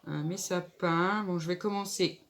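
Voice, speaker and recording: In a relaxed crafting tutorial, a craft vlogger with a cold makes a table decoration, chatting and thinking aloud in a nasal voice through a stuffy nose. Her pitch is fairly low, her intonation fairly even, and her speed normal, with background noise.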